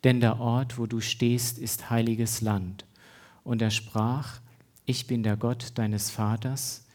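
Ein Mann hält eine Predigt und liest zwischendurch eine Bibelstelle vor, mit kleinen Versprechern. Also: male voice, mid-range voice, flat delivery, a little mellow. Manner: unhurried, reads scripture aloud with small slips. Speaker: preacher. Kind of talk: sermon.

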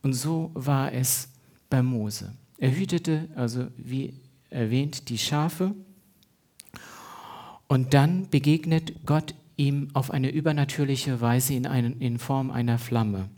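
Prediger, männlich, ruhig und gemächlich, liest die Schrift vor, kleine Versprecher. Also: male voice, mid-range voice, dark tone. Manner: unhurried, reads scripture aloud with small slips. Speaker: preacher. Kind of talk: sermon.

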